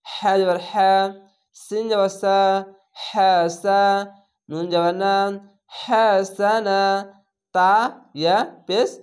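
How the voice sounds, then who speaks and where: A man teaching Quran reading, spelling out each letter and vowel mark, then blending the syllables into a drawn-out chanted word, with a Bangladeshi Bengali accent. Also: high voice, steady tone, smooth. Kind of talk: spelling-out Quran recitation lesson.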